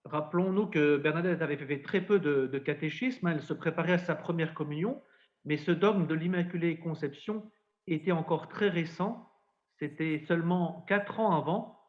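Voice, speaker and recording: A male priest recounts a story in a podcast conversation, with a slightly higher voice for a man. He narrates at length and brings quoted lines to life. The sound is dull and lo-fi. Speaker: priest and spiritual adviser.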